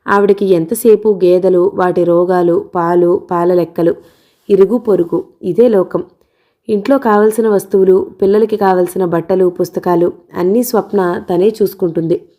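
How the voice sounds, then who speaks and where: Mellow-voiced woman reading a novel. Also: medium pitch. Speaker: audiobook narrator. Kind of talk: novel read aloud.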